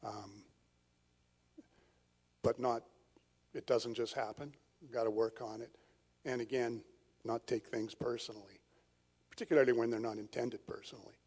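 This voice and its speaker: A mature man with a husky voice speaks in a large hall with long reverb. He reflects informally on his own life, halting and rephrasing as he goes. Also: mid-range voice, steady tone, a little mellow. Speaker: husband and father on a marriage panel. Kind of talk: informal personal testimony.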